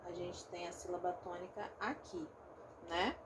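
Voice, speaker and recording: A woman's voice: on the low side, fairly even intonation, unhurried, a little hiss or hum. A woman with a Rio de Janeiro accent, a phonetics teacher explaining a lesson step by step and often checking in with her students. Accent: Rio de Janeiro Portuguese. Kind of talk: recorded online lesson.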